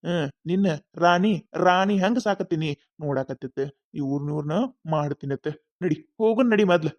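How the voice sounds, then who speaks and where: A man's voice: on the high side, normal speed, natural voice. A man with a North Karnataka accent voicing a stubborn, boastful village son in a cartoon comedy, giving blunt commands. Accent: North Karnataka Kannada. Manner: brash promises and blunt commands. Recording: dull lo-fi sound.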